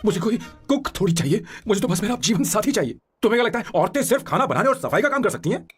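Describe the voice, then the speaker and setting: A man's voice: high voice, big pitch swings, fast, breathy edge, faint music behind, heavily acted. A pleading lovesick young man. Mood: defiant. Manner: emotional, pleading. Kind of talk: Hindi film dub.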